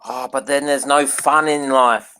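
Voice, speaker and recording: A man's voice: medium pitch, fairly even intonation, measured pace, bright, forceful tone, clean tone. A man joking and teasing in casual chat with friends on an online call.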